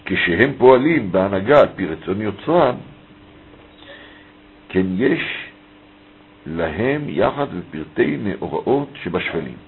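A Torah teacher leads a text study lesson, reading a passage aloud and then explaining it phrase by phrase. His lowish voice is husky and sing-song, and he pauses often. The audio is thin and phone-like, with faint ambience.

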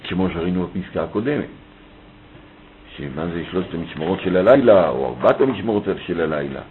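Lower-voiced man teaching over thin audio. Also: expressive, a little hiss or hum. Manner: reads a passage aloud, then explains it phrase by phrase. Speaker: Torah teacher. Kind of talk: text study lesson. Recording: thin phone-like audio with faint ambience.

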